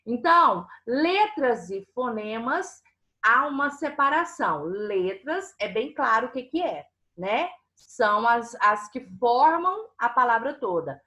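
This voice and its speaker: A woman's voice: on the high side, big pitch swings, slow, sharp tone. A woman teaching a primary school class online, patiently explaining and often checking that the children follow. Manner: patient, asks frequent check-in questions.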